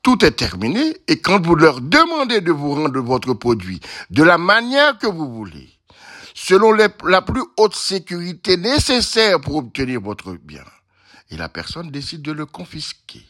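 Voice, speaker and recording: A man's voice: fairly high pitch, huge pitch swings, unhurried, sharp tone. A man giving an opinionated monologue, asking and answering his own questions, with frequent repeated tag words.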